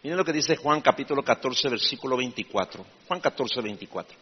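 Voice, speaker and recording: A pastor delivers a sermon in a slightly husky, expressive voice at a brisk pace, swinging between loud, emphatic bursts and low, confiding asides. The sound is dull and lo-fi, and a long reverb trails each phrase as if he were in a large hall.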